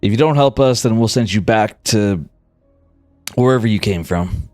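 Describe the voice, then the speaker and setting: A man plays an authoritative fixer in a tabletop role-play, lowish in pitch. He is politely unyielding, offering formal, scripted sympathy as he makes demands. The sound is dry, with music behind. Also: normal speed, a little mellow, no room sound, lightly acted.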